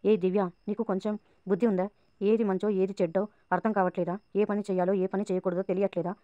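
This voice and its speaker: A stern mother-in-law who scolds the household, read aloud by a woman narrator. The delivery is quick and dark-toned, with dry, dull sound. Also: medium pitch, level tone, no room sound, lightly acted.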